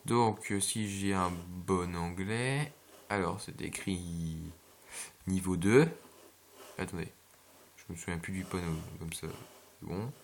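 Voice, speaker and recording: A man's voice: sits low, takes it slowly, pauses often, a little hiss or hum. A man giving casual, rambling gameplay commentary with hesitations and jokey asides, recorded on a home computer mic. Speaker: gameplay video maker.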